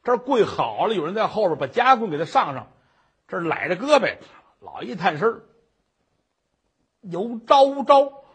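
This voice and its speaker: Husky, animated male storyteller. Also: high-pitched, brisk. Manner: vivid, dramatic narration with asides. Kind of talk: traditional Chinese storytelling performance.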